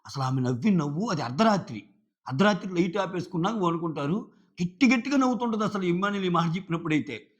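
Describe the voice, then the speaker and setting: A man giving a casual, animated recap and acting out what others said. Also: sits high, quick pace. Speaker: show commentator. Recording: dull lo-fi sound.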